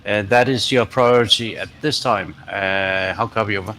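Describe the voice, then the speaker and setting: A man commanding a team in a military simulation game, giving deliberate, halting tactical orders in formal radio procedure. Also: lowish voice, bright, forceful tone, slight background noise.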